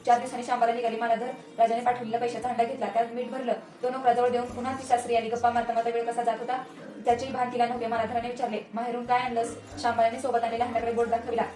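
A woman storyteller reading a devotional folk tale aloud in a brisk, steady way. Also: fairly high pitch, roomy sound, distant mic, rough recording.

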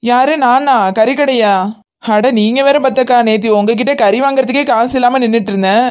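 A woman's voice: a little high, normal speed, darkish tone, close to an everyday voice. A woman with a Kanyakumari Tamil accent voicing a scheming, defensive woman who steals chickens. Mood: grumbling.

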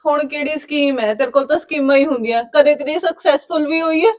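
Woman doing a young Punjabi woman, Punjabi accent, high voice, mocking, sharp-tongued. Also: quick pace, natural voice.

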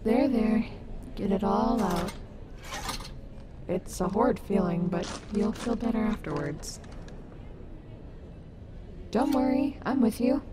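Caring, sassy female robot wolf woman acting, ASMR roleplay. Slow, soothing, wry delivery at medium pitch, over noisy ambience. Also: animated. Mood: comforting, wry. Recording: noticeable background noise.

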